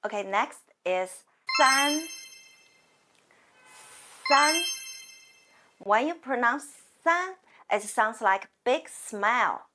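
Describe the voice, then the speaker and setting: A woman with a Chinese accent teaching beginners to count in Chinese, drawing out each sound slowly for learners to repeat. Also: fairly high pitch, lively intonation, background noise. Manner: slow, careful, drawn-out sounds. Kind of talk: slow language lesson. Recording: music playing behind.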